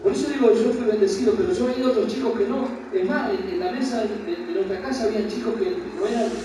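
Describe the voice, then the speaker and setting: High-voiced pastor in an echoey hall. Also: male voice, fast. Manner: impassioned, questions the congregation directly. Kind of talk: preaching a Bible study sermon. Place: church hall. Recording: very echoey hall, voice from far off with background noise.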